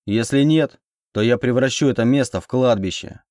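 A man's voice: mid-range voice, moderate pace, darkish tone, no echo, clean studio sound, lightly acted. A man voicing a menacing warlord in a bear mask who bellows threats at a city.

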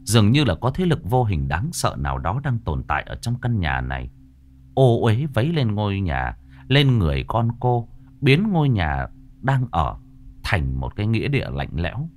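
A man narrating a ghost story in a slow, somber way. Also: on the low side, big pitch swings, darkish tone. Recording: faint music behind the voice.

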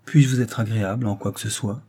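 A man's voice: on the low side, steady tone, fast, dark tone, husky. A man voicing a polite, eager male journalist in an audiobook reading. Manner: courteous, eager questions.

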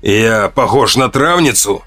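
A man's voice: moderate pace, faint music behind. A man voicing an enraged wounded young hunter. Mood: furious. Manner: shouting, shrill.

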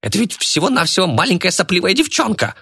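A man doing a shrill, hissing villainess. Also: big pitch swings, fast talker, gravelly, sharp tone, slightly rough, heavily acted. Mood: spiteful. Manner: hissing, shrieking.

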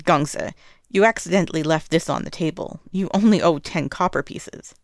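A woman's voice: low-pitched, normal speed, vocal fry, no echo, clean studio sound. Woman as a blunt older tavern keeper. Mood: polite. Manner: blunt, stubborn and firm. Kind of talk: audiobook narration of fan fiction.

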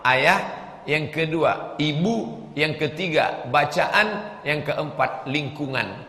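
A man preaching a sermon, animated and rising to loud, emphatic answers. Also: a little high, echoey room, in a large hall.

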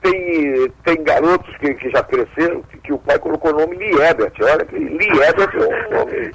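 Man, 70s, talkative joker, slightly high, very animated voice. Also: normal speed, no room sound, poor audio. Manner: jokey, chatty, repeats words. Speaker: band member, guest. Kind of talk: radio interview.

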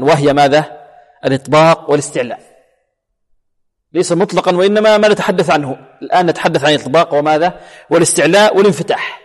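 Man teaching recitation, slightly high voice. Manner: asks the class questions and answers them himself; models syllables slowly and repeats them for practice. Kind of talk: tajweed lesson. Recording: long hall reverb.

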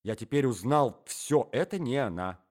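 A man voicing a jealous, anxious gentleman in a fur coat who talks in agitated, repeated bursts. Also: mid-range voice, animated, normal speed, natural voice. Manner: agitated, stammering repetitions.

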